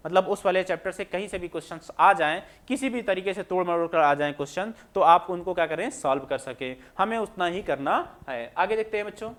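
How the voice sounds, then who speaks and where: A man. He keeps asking the class questions and answering them himself, repeating each point in a patient, drawn-out way. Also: sits high. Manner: repetitive, asks students questions then answers them. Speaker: maths teacher. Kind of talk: classroom lecture explaining on screen.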